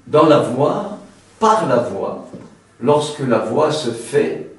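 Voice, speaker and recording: A man who sings tenor gives a seminar lecture, talking haltingly with many restarts and a frequent tag word. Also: medium pitch, animated. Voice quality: trained singer's voice, a tenor. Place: seminar room. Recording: very echoey room, mic far off.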